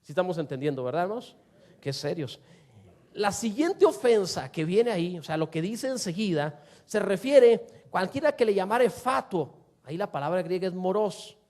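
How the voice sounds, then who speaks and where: A man preaching a sermon to a congregation, asking them rhetorical questions and swinging between loud and soft. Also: sits high, sing-song, moderate pace. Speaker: pastor.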